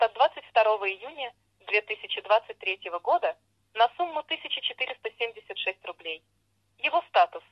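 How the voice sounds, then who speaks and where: A woman's slightly high voice delivers phone menu prompts in a formal, measured way. The sound is dull and lo-fi, like a telephone line, with no room around it. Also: no echo.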